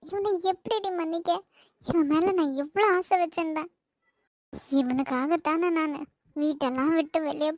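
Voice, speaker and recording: A woman's voice: very high voice, no room sound. A woman voicing a heartbroken, crying young woman in a cartoon, in Kanyakumari Tamil. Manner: tearful, pleading. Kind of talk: cartoon voice acting.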